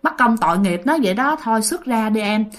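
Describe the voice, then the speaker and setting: A woman voicing an older brother gently pleading with a ghost to leave. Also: on the high side, expressive, fairly quick, natural voice. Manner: soft, pleading.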